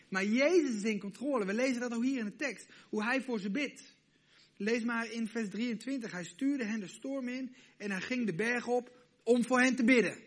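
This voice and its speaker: Male preacher, high bright voice, hushed asides rising to loud emphatic lines. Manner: swings from hushed intimate questions to loud emphatic declarations. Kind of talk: sermon.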